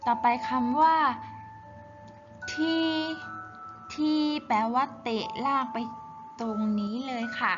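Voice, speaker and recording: A woman teaching Chinese in a slow, patient worksheet walkthrough, repeating each syllable clearly. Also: on the high side, music in the background. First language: Thai. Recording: slightly dull, faint hiss.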